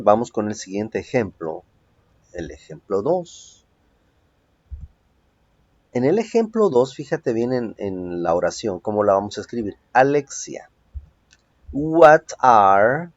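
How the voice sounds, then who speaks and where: A man's voice: on the low side, a little mellow, dry recording. A man with a Mexican Spanish accent teaching an English lesson from home. He explains step by step and keeps checking in with "ok?". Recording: dull lo-fi home recording.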